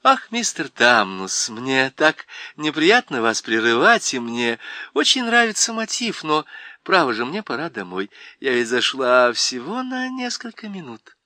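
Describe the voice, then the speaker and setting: A man's voice: mid-range voice, big pitch swings, unhurried, sharp tone, dry recording, studio quality, full character voice. A man voicing a kind, earnest young girl in a storybook reading, anxious and pleading. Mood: polite.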